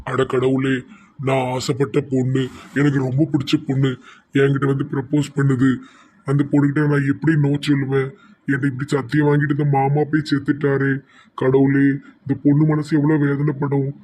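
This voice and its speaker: A man with a Tirunelveli Tamil accent voicing a torn, soft-hearted young man in a cartoon, lamenting to god. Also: medium pitch, a little fast, a little hiss or hum, natural voice. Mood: anguished. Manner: flat, lamenting, calls on god.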